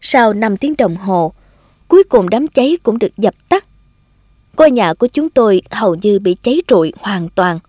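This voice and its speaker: A woman narrating a first-person story in a calm, expressive reading. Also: mid-range voice, normal speed, no echo, studio quality.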